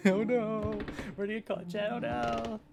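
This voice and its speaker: A woman streaming a story game who reads the characters' lines aloud with big swings in pitch. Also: flat delivery, a little slow, vocal fry. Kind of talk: casual let's-play commentary. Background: loud game music.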